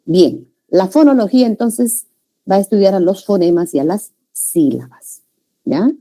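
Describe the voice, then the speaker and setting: A woman's voice: medium pitch, animated, measured pace, dark tone. A woman from Peru, lecturing a class on linguistics, explaining patiently and checking in with frequent tag questions. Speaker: teacher.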